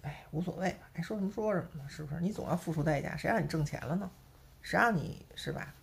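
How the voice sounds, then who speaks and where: A woman's voice: deep voice, fast, gravelly, a little hiss or hum. A woman with a Beijing accent chatting casually to camera as a vlogger, peppering her talk with rhetorical tag questions. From Beijing, China.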